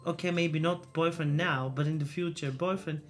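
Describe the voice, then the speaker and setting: A woman's voice: sits low, steady tone, moderate pace, soft background music. A woman hosting a reaction video, thinking aloud in short bursts and repeating words as she watches. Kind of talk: casual reaction commentary.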